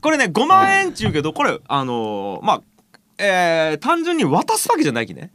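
A man's voice: sits high, huge pitch swings, brisk, bright, forceful tone. A man with a Kitakyushu accent hosting a radio show, teasing his co-hosts in casual banter. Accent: Kitakyushu Japanese. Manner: teasing, playful, hosting the segment.

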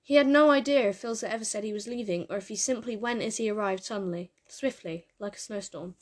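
A woman narrating a piece of fan fiction in a measured, expressive storytelling manner. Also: mid-range voice.

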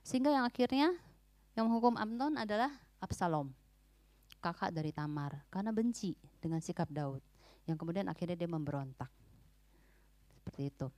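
A woman with a fairly low voice teaches in an animated, emphatic way, dropping English words into her informal talk. Her voice sounds close and dry, with no room echo. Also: normal speed, long pauses. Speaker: speaker at a church parenting talk.

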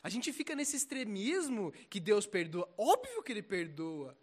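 A young Brazilian man preaching a casual, slangy sermon, animated and swinging between loud and soft. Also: sits high, normal speed.

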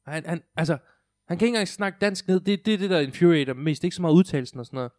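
Animated young Danish-speaking man, dry mic. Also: fairly high pitch, dry recording. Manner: animated, stumbling restarts, mixes English into speech. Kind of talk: casual chat.

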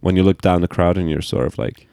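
A man co-hosting a podcast in casual, jokey, animated chat. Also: low-pitched, fast talker, creaky, no room sound, clean studio sound. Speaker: podcast co-host.

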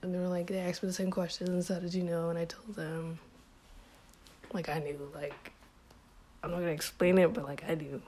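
A young woman telling a personal story in a relaxed, casual vlog style. She fills her speech with "like" and small laughs, and says she feels a little sick and hot. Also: fairly low pitch, moderate pace, pauses often, slight background noise. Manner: relaxed, heavy use of "like", frequent small laughs. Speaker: vlogger.

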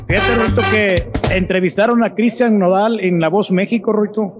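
High-voiced Mexican man over music. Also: steady tone, normal speed. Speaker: radio show sidekick. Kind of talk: casual radio banter.

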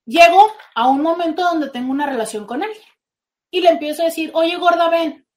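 A woman's voice: high-pitched, a little fast. A woman hosting a casual advice talk as a therapist, speaking emphatically and acting out little quoted exchanges. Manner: emphatic, animated, slips into quoted voices. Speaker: host and therapist.

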